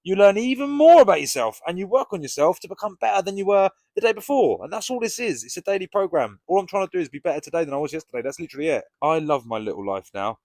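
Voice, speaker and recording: A man's voice: sits high, sing-song, fast, hardly any pauses, darkish tone, no echo. A British man talking casually and frankly to camera as a vlogger, with plenty of swearing. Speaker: recovery vlogger.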